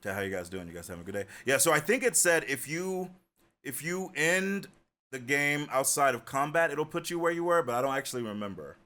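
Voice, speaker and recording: A man's voice: medium pitch, lively intonation, a little fast, sharp tone. A man giving casual, slangy live gaming commentary and chatting with his viewers. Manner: slangy, repetitive, easygoing banter. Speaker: game livestreamer. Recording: music behind the voice.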